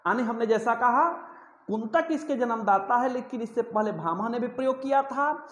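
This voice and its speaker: A woman teaching a recorded lesson, explaining slowly and reciting verse examples in a sing-song way. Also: fairly high pitch, expressive, roomy sound.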